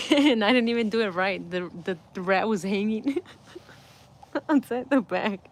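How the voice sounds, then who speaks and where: A woman's voice: medium pitch, unhurried. A middle-aged woman hosting a livestream and telling a story to her viewers in a casual way, laughing often as she goes. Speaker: livestream host.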